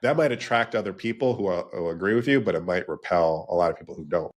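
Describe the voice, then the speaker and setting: This man's voice sits low and comes out fast and animated, slightly nasal from a cold. Appearing casually on a podcast, he rambles at length about his branding business, restarting sentences and grouping things in threes, as in a relaxed interview.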